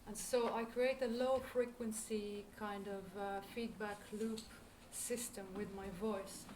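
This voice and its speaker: Speaking slowly in a medium-pitched, darkish voice with fairly level intonation, a Hebrew-speaking lecturer with an Israeli accent reflects and searches for words while answering audience questions. The lecture hall sounds spacious, the mic is distant, and there's background noise.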